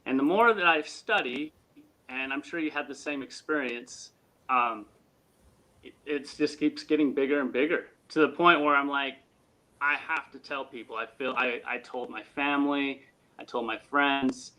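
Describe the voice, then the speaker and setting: A man talking as a guest in a casual interview, earnest and animated, with sports analogies. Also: mid-range voice, normal speed.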